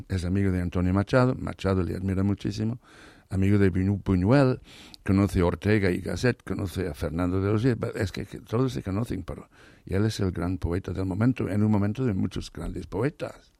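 Hoarse, deep-voiced man with a gravelly tone. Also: brisk, warm tone, dry recording, studio quality. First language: not Spanish. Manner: enthusiastic, restarts words, many repetitions. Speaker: interview guest, literary scholar. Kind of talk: thoughtful conversational interview.

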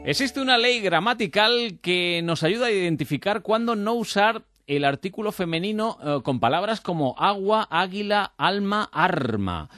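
A man's voice: high voice, normal speed, no room sound, studio quality, faint music behind. A man hosting a radio show, bantering and introducing segments. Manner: lively, laughing banter. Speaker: radio host. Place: radio studio.

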